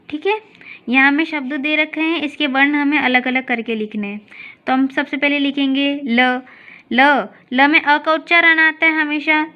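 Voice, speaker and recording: Slow-paced patient woman teacher. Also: sits high, muffled recording. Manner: slow, patient, asks and answers her own questions. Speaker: school teacher. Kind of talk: recorded class lesson.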